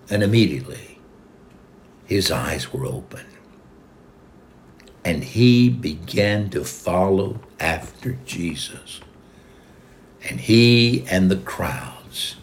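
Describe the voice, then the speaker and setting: Guy preaching a sermon, real slow, low voice, goes soft and whispery at line ends. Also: slight background noise. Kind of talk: sermon retelling a gospel story.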